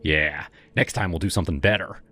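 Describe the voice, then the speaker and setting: A man's voice: sits low, fairly quick, pushed and bright. A man doing a cocky smug teen guy. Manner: smug, dismissive. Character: cocky smirking eighteen-year-old guy.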